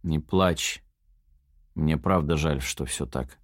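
Man voicing a soft-spoken guilty captor, low, hushed, dry close sound. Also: slow pace, no echo. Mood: soft reassuring. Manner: low, gentle, subdued. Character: curly-haired male kidnapper, softly guilty.

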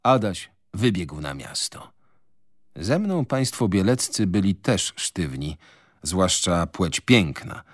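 A man narrating a novel in the first person in a measured, literary radio reading. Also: deep voice, very animated, no echo, clean studio sound.

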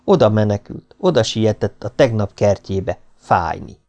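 A man reading a novel aloud as an audiobook narrator, expressive and following the story. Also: on the low side, vocal fry. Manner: expressive, rises and falls with the story. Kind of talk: scripted narration.

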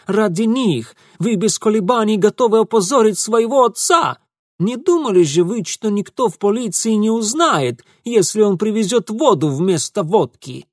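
A man doing a shrill, indignant young accuser. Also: animated, normal speed, no room sound, clean studio sound. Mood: contemptuous. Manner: shrill, scolding, contemptuous. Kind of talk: audiobook character voicing.

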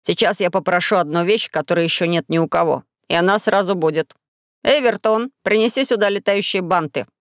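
A woman reading an audiobook, voicing a cheerful, sly blue-faced alien boy inventor in a lowered voice. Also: fairly quick, dry recording, clean studio sound, lightly acted. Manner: sly and boastful.

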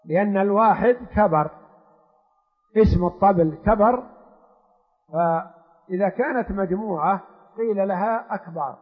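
A man teaching as a sheikh, explaining a religious text in a lecture and slowly repeating his examples. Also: sits high, slightly rough. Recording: tinny phone-like lecture hall recording with long reverb.

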